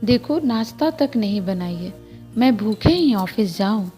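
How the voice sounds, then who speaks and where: A woman's voice: mid-range voice, lively intonation, a little slow, warm tone, soft background music, close to an everyday voice. A woman voicing a short-tempered young husband who complains curtly. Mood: angry. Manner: curt, complaining.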